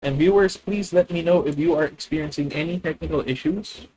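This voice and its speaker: Speaking briskly in a fairly high male voice with a darkish tone, this young streamer with a Filipino accent gives live commentary on a card game, reasoning out loud about each move. He keeps catching and correcting himself and occasionally talks straight to his audience, all captured on a low-quality recording.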